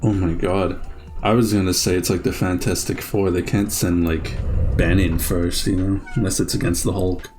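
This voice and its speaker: A man's voice: low voice, steady tone, normal speed, music in the background. A man co-hosting a casual gameplay commentary, joking, swearing freely, laughing often and breaking into mock outrage. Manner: mock outrage and silly voices while reacting. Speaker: co-host of a let's play series.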